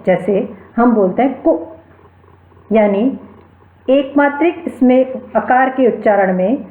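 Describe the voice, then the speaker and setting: A woman giving a measured grammar lecture. She talks very slowly and repeats each term as she sounds it out. Her voice comes through a tinny, phone-like line with a lot of room echo. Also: fairly high pitch. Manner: spells out sounds and sutras, repeats key terms. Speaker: Sanskrit lecturer. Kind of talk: slow explanatory lecture.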